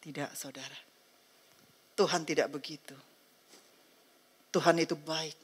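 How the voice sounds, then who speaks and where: A woman's voice: sits low, steady tone, measured pace, breathy edge. A woman pastor preaching a sermon dramatically, acting out dialogues and calling on the congregation to say amen.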